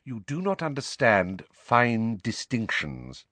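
A man voicing a cold, sneering middle-aged male professor who speaks slowly and with contempt. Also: medium pitch, wildly swooping pitch, a bit bright, no echo, exaggerated voice. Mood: contemptuous. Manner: slow, contemptuous, clipped.

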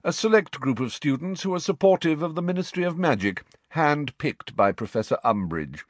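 Guy putting on a drawling teen bully, sneery and high, dry close sound. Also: lively intonation, moderate pace, dry recording. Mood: sneering.

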